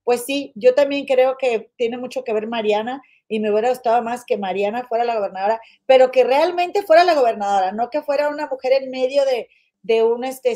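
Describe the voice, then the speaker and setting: A woman's voice: on the high side, brisk, dark tone. A woman with a Mexican accent hosting a casual livestream, gossiping bluntly and calling her viewers comadres as she reads their comments. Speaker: livestream host.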